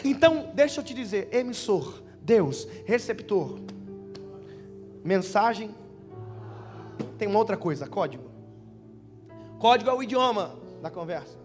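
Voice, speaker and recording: A man's voice: high-pitched, big pitch swings, measured pace, long pauses, a little mellow, long reverb tail. A young man with a Brazilian Portuguese accent, preaching at a church youth conference and telling joking stories to the crowd. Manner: joking, storytelling, addressing listeners as brother. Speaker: pastor. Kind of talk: lively conference sermon. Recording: live church sound with music underneath.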